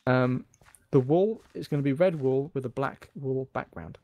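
A playful, chatty let's-play host chats casually while gaming, now and then drifting into song and silly voices. His medium-pitched, mellow voice moves at a moderate pace, with no room sound.

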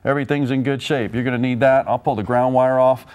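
A man's voice: medium pitch, steady tone, fast, clean tone, dull audio. A man in his forties, a technician and instructor, giving a folksy, plain-spoken repair demonstration in a large workshop on a lapel mic. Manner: folksy, plain-spoken, explains while working.

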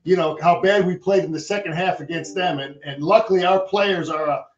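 An older man talks sports over a video call from his home study, halting and repeating himself. He sits far from a dull webcam mic, and the room echoes around his fairly high voice. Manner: halting, repeats words, chuckles. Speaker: co-host, sports fan. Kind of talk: casual sports chat. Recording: roomy, distant, dull webcam audio.

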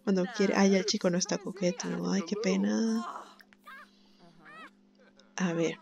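A woman's voice: mid-range voice, steady tone, measured pace, vocal fry, lo-fi sound, crowd noise. A woman giving chatty, sympathetic game commentary, laughing often. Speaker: gameplay commentator. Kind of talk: casual let's-play commentary.

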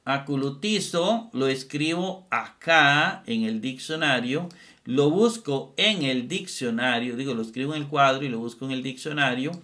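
A man's voice: medium pitch, measured pace, sharp tone. A man teaching Greek grammar in a screen-recorded lesson, thinking aloud, repeating terms and often asking "¿verdad?".

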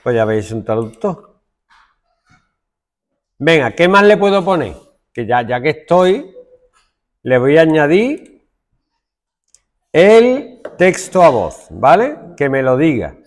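A man's voice: fairly high pitch, big pitch swings, takes it slowly, long pauses. A male computing teacher demonstrating code to a class, thinking aloud as he works and making stern asides to his students.

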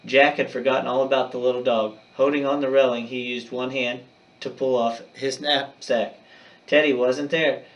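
A male teacher reading a children's chapter book aloud to his class, with dramatic, expressive storytelling. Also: medium pitch, normal speed, far from the mic, lo-fi sound.

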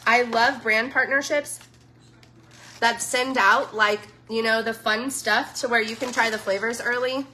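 A woman's voice: fairly high pitch, steady tone, measured pace, pushed and bright, slight background noise. A woman chatting in a casual live stream, gushing over products she tries and saying "y'all" to her viewers. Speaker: social media influencer.

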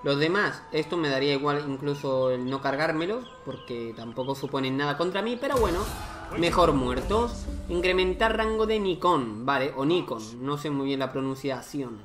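A man's voice: fairly high pitch, animated, moderate pace, music in the background. A man giving casual let's-play commentary, thinking aloud and exclaiming as he plays a strategy game. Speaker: gaming YouTuber.

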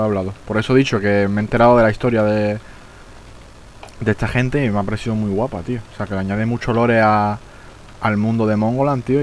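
This low-quality recording, carrying a faint hiss or hum, captures a young man streaming gameplay live. He talks casually in a fairly low voice, cursing and yelling when things in the game go wrong.

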